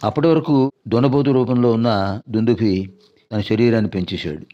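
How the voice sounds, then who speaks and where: A man giving a devotional discourse, retelling a sacred epic in a measured, explanatory way with pauses. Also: on the low side, highs cut off. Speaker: religious discourse speaker.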